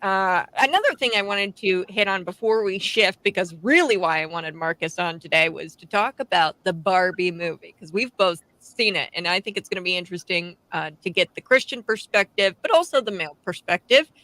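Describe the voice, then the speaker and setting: A woman's voice: lowish voice, expressive, a little fast, few pauses, bright, forceful tone, low-quality recording. A woman in her twenties hosting a radio talk show, chatting casually and laughing between her points. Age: 20s.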